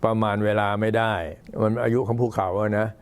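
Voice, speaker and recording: An old man, a Buddhist monk, giving an informal talk to temple visitors in an unhurried, halting way. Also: on the low side, completely flat delivery, clean tone. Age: older. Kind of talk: informal talk, recounting temple history and announcements.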